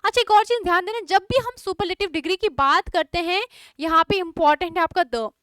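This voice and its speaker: High-voiced woman teaching, Indian English. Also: brisk, fairly bright tone, dry recording, clean studio sound. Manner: chatty, mixes Hindi and English, asks students questions. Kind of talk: online exam-prep lesson.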